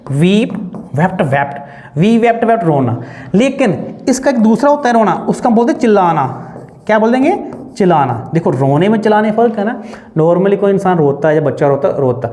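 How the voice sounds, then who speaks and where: A man's voice: high-pitched, dark tone. A man teaching English verbs in Hindi, asking the class to repeat verb forms again and again. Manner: drills verb forms with repeated call-and-response questions; mixes Hindi with English words. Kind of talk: online spoken-English lesson.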